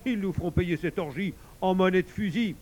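Storybook figure: a timid, fretful old innkeeper-bear, high and plaintive; a man acts him out. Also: a little fast, a little mellow. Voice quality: plaintive, anxious. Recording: dull lo-fi recording.

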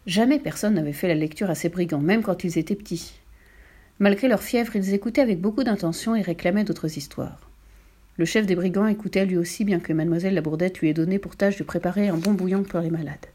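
Warm-voiced woman reading a storybook. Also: lowish voice, husky. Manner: calm, measured narration. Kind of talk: reading a children's book aloud.

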